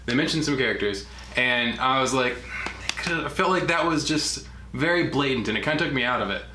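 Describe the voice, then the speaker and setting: A man chatting casually and excitedly as host of a group review, rambling as he goes. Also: mid-range voice, fast. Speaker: host of a drunk movie review show. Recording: echoey room with clear background hiss.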